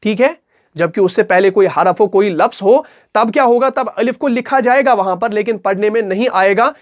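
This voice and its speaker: A man's voice: sits high, moderate pace. A man teaching a recitation class, patient and repetitive, who asks questions and answers them himself. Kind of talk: explanatory recitation lesson.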